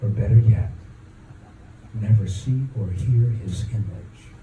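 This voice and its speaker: A man reading a spoken-word story at an open mic, with a deliberate, halting, dramatic delivery and drawn-out pauses. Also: fairly low pitch. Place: echoing room at an open mic event. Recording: roomy, distant mic, faint background noise.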